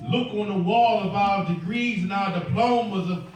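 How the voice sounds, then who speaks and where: A high-pitched man preaches in a large, echoing church, his voice captured from well back in the room. The congregation murmurs replies around him as he builds toward shouted peaks. The sound is distant and full of reverb. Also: moderate pace, slight background noise. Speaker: minister. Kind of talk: call-and-response sermon. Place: church sanctuary. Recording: echoey church heard from a distance with congregation responses. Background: congregation calling back responses.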